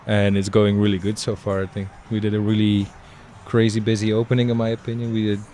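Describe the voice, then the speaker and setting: A young chef from Belgium talks in a low, level voice, laying out each item plainly with a few fillers. There is a faint hiss under the recording. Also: male voice, monotone, mellow. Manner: plain, unhurried descriptions with fillers. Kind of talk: casual interview.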